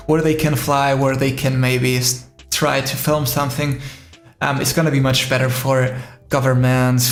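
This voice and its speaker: A man's voice: medium pitch, vocal fry, echoey room. A man from Spain hosting a casual live stream, rambling with many fillers and answering viewers' comments. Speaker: drone live-stream host.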